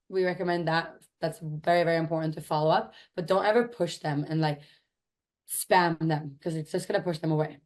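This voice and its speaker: A woman with a hoarse, raspy, smoker-like voice worn out from talking, teaching a course in an informal, chatty and emphatic way. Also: on the low side, darkish tone. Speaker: course instructor.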